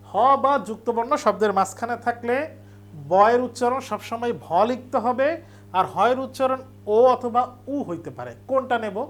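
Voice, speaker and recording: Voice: mid-range voice, moderate pace. A teacher giving an exam revision lecture, explaining step by step and repeating key points for emphasis.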